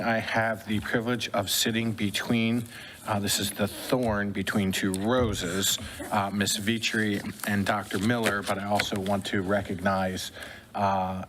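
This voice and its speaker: A man's voice: on the low side, fairly bright tone, slight background noise, poor audio. A man presenting to a school board in a formal but conversational way, with many "uh" fillers. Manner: measured, with frequent "uh" fillers. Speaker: school district administrator.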